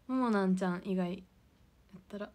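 A woman's voice: medium pitch, moderate pace, darkish tone. A young woman hosting a casual idol livestream, giggly and chatty as she reads out viewer comments.

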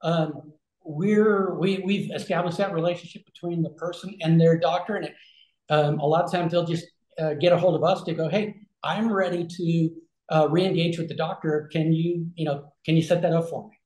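In an echoey small room, a man in his forties talks over a webcam with a somewhat high voice. He explains at length in a loose conversational way, full of fillers and restarts, gesturing as he speaks. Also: steady tone, normal speed, a little mellow. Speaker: regenerative health concierge. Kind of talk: casual explanatory talk on a video call. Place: small room with shelves, indoors. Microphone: video call webcam.

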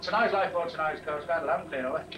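A man's voice: fairly high pitch, fast talker, far from the mic. A man working as a coastguard radio operator, heard over a marine radio transmission, giving clipped procedural calls that end with "over". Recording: noisy, muffled, echoey radio from afar.

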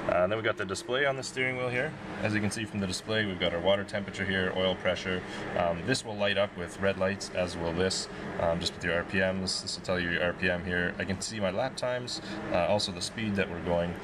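A man's voice: deep voice, brisk. A young man, a race car driver, casually showing the controls of his car from the driver's seat, with many fillers. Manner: relaxed, explaining with many fillers. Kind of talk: casual walkthrough vlog. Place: race car cockpit, outdoors. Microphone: handheld camera held close. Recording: noisy outdoor camera audio.

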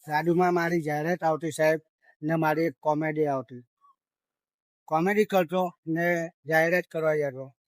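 A man's voice: fairly high pitch, steady tone, normal speed, no echo. An older man, a former comedian and magician, pleading and crying through an emotional interview outdoors. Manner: tearful, pleading, breaks into comic newspaper patter.

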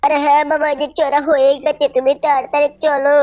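A man putting on a squeaky whiny boy. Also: flat delivery, quick pace, darkish tone, dry recording. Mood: urgent. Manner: high squeaky urgent pleading. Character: whiny young boy nephew, cartoon-style. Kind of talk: gameplay commentary role-play.

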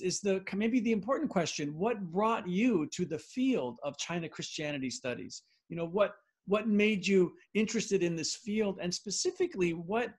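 A man's voice: sits high, husky. An older man introducing a scholar and asking questions over a video call, gracious and hesitant with many restarts. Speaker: interviewer. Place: home study lined with bookshelves.

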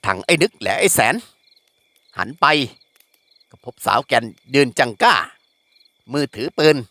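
Guy reading a classic novel aloud, bright lively voice, dry close sound. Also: medium pitch, unhurried, no echo. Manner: animated storytelling. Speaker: novel reader. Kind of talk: audiobook narration of a classic novel.

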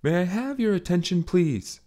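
A man's voice: high-pitched, expressive, normal speed, dark tone, pitched above the performer's own voice. A man voicing a ship's automated announcement system in an audiobook, overly polite and unconcerned.

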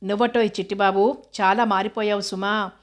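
A woman reading the part of a gentle, self-sacrificing elderly mother in her own voice, soothing and coaxing. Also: medium pitch, fairly even intonation, fairly quick, lightly acted.

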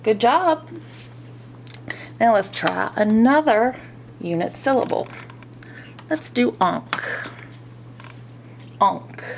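A woman's voice: a little high, lively intonation, very slow, creaky, pauses often, a little hiss or hum. A woman teaching phonics, sounding out words syllable by syllable and sound by sound in an instructional way.

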